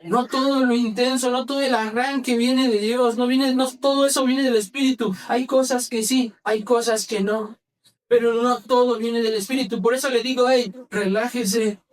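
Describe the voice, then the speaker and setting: A male pastor preaching in church, quizzing the congregation and having them repeat phrases back, moving between brisk and slow, soft delivery. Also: extremely high pitch, steady tone, recorded from a distance. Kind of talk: sermon.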